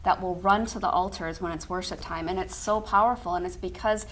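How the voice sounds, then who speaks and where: A woman speaks as a radio guest in a slightly low voice. She gushes with enthusiasm and keeps dropping casual fillers as she goes. Faint background noise runs under her. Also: steady tone, brisk, fairly bright tone. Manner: passionate, gushing, with frequent fillers. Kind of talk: talk radio interview.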